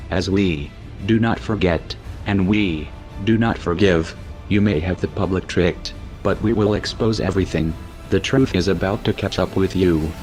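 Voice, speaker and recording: A man speaking through a disguised deep voice, reading a cold, measured, menacing scripted statement. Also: a little mellow.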